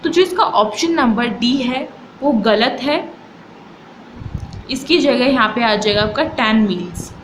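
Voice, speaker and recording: A woman teacher gives an exam-prep video lesson. She reads the options slowly and deliberately, then explains them in chatty Hindi. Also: fairly high pitch, expressive, a little hiss or hum, rough recording.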